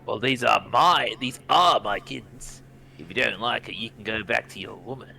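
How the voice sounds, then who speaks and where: A man's voice: mid-range voice, moderate pace, vocal fry, bright, forceful tone, husky, full character voice, poor audio. A man voicing a brash male wrestler with a thick American drawl, reading game lines aloud. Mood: gruff.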